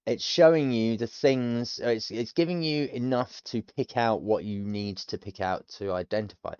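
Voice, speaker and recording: A thirty-something British streamer learning a language offers chatty, self-deprecating, rambling commentary as he goes through his course. His medium-pitched voice is a little mellow and clean at normal speed. There's no room sound, but the recording is muffled.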